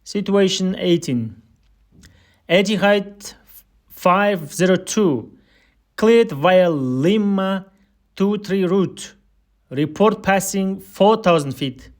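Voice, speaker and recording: A man voices an instructor in a scripted aviation listening drill, enunciating air traffic control phrases in a measured, deliberate manner. He speaks with a high voice and lively intonation.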